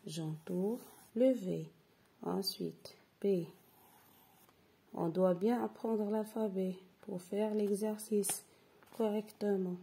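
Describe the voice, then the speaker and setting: Slow, husky-voiced woman teaching. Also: mid-range voice, steady tone, dark tone. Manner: reads example sentences slowly and repeats them; drops to a breathy half-whisper when explaining. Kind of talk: slow step-by-step grammar lesson.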